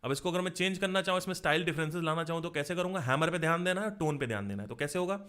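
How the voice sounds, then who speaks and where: A male vocal coach talks through a singing lesson, explaining step by step and checking in with rhetorical questions. His voice sits high for a man and sounds bright and ringing. He speaks clearly and smoothly at an unhurried pace. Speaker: singing teacher. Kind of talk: spoken vocal lesson with sung demonstrations.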